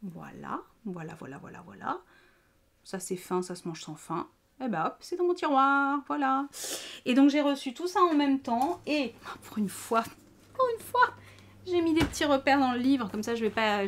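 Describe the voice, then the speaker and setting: A woman's voice: fairly high pitch, slight background noise. A woman with a French accent chatting casually to camera about knitting, rambling and self-mocking with many fillers. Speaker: knitting vlogger.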